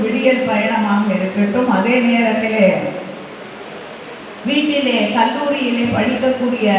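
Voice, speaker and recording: Slow, declamatory woman orator, echoing hall. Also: a little high. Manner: deliberate, declamatory, with long pauses and repeated rhetorical build-ups. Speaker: political party leader addressing party workers. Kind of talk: formal political oratory to a party meeting. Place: large meeting hall, from a stage. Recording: echoey hall PA, distant, faint hiss.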